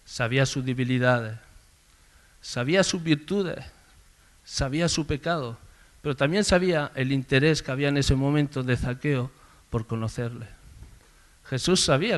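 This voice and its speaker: A man preaching a sermon in a conversational storytelling way, calling out names loudly. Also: medium pitch. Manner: conversational storytelling, swells loud on names called out. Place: church service.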